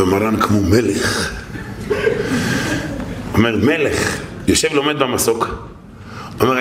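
A man's voice: medium pitch, echoey room, background noise. A man giving a storytelling sermon to a congregation, acting out the people in his stories with shifting voices and exclamations. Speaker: rabbi giving a Torah talk.

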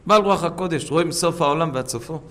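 A man preaching a sermon with stories, swinging between loud urging and hushed asides, and calling his listeners friends. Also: a little high.

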